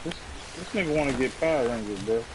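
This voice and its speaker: A young man chats through a gaming session in relaxed slang, swearing freely and wandering between thoughts. His voice sits at an ordinary middle pitch. A clear wash of rain-like noise runs under everything. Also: quick pace. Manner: slangy, profane, rambling with frequent laughs. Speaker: gamer. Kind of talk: casual gameplay chat with a friend. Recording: steady rain-like background hiss.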